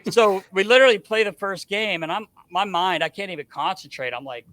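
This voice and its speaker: A middle-aged man spins a long story as a guest on a podcast, his voice bright and forward. He acts out other people's lines with lively shifts and stumbles over restarts. The sound is close and dry, with no room around it. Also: sits high, a little fast, no echo. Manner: animated storyteller, acts out quoted dialogue, frequent restarts. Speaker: guest, hockey scout.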